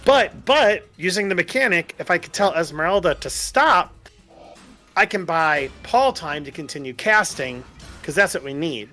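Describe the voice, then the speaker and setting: Guy with a bright, higher voice playing a tabletop game, planning out loud, a bit of music behind. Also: animated. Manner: thinks aloud, planning tactics, quick bursts. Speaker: player.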